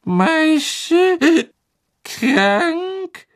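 Tiny drunk lady elf, slurry and whimpery, really high squeaky voice, slow. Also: very animated, full character voice. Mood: slurred whimpering. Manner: slurred whimpering, speaks of herself in third person. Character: drunk, tearful female house-elf, tiny and shrill. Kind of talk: audiobook character voice.

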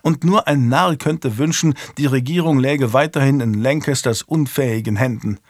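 A man's voice: medium pitch, moderate pace, no room sound, natural voice. A man voicing a young male king who is earnest and commanding and presses his questions in a dry studio recording.

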